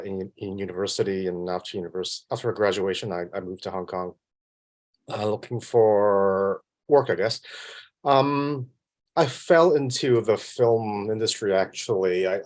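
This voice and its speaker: A film composer from Vancouver, speaking with a Canadian accent, chats casually as an interview guest. He's modest, self-deprecating and halting, with a fairly low-pitched, darkish voice.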